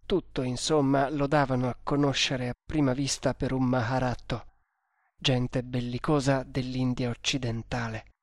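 Slow, measured male audiobook narrator. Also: medium pitch, no room sound, clean studio sound. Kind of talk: audiobook reading of an adventure novel.

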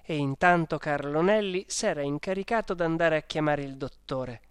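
An audiobook reader narrating a first-person diary story in a measured, even manner. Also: medium pitch, clear, resonant tone, no room sound, clean studio sound. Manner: slow, measured, even reading.

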